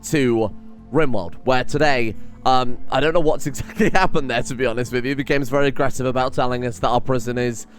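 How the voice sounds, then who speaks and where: A man's voice: mid-range voice, brisk. A man who is a bit under the weather, giving casual, rambling game commentary with dry, joking asides. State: slightly under the weather, voice not fully woken up. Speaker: gaming video host. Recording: light music behind the voice. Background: music.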